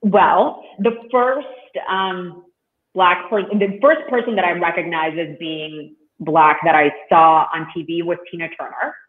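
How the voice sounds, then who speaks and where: A man from Russia, a guest in an interview, talking in an earnest, halting way with many fillers. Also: a little high, fairly even intonation. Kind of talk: interview conversation. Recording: echoey, phone-like call line.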